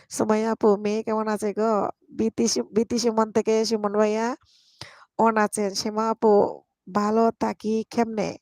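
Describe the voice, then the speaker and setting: A woman's voice: mid-range voice, darkish tone, no echo. A young woman hosting a casual live stream on her phone, greeting viewers one by one by name, affectionate and playful.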